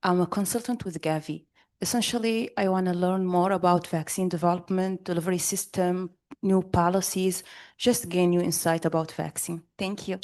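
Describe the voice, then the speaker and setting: A woman's voice: fairly low pitch, fairly even intonation, normal speed, a little mellow. A woman with a Mauritanian accent gives a brief spoken self-introduction to a group. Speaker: course participant, consultant.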